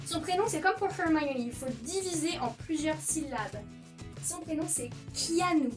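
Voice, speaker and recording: A woman's voice: sits high, lively intonation, a little slow, distant mic, over music. A young woman, a video host, explaining pronunciation in a casual, playful way and exaggerating the mistakes. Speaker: YouTuber teaching pronunciation.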